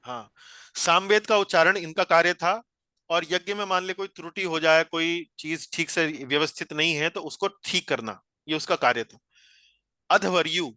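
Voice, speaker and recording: A man's voice: on the high side, normal speed, sharp tone, clean tone, no room sound. A man teaching a scripture study class over a video call, explaining each point patiently and repeating phrases as he guides a reader.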